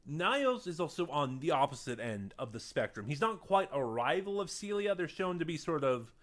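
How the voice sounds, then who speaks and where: In a casual, unscripted monologue, a man reviews audio dramas, speaking haltingly, pressing his points emphatically and letting asides trail off quietly. His voice is fairly high-pitched and sing-song.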